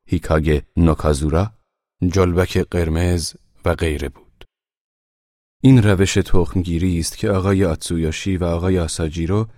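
Deep-voiced male audiobook narrator, calm and measured, dry close sound. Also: dry recording. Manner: calm, measured, soft-spoken reading. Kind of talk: scripted narration.

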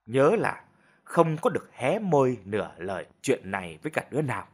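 A man voicing a sharp-tongued older village mother who berates her son in a shrill, rapid voice, in an audio story. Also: very animated, husky, exaggerated voice. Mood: stern.

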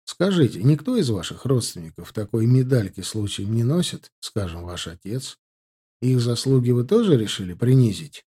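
A man's voice: mid-range voice, expressive, a little fast, dark tone, breathy edge. A man voicing a young border-guard soldier who talks in a cold, composed, pointed way.

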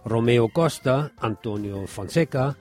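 Loud music plays behind this man as he hosts a radio program, delivering a spirited monologue reviewing a play. He addresses the audience formally, his pitch medium and his pace a little slow.

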